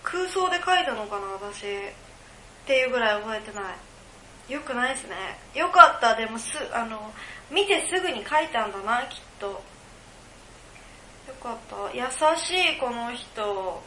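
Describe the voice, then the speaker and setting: Bright and forceful, her slightly high voice is expressive and moves at a normal pace, captured in an echoey room with light hiss or hum. As a podcast co-host on her own, she reads mail from listeners and wanders through her thoughts aloud, giggling often in this casual chat.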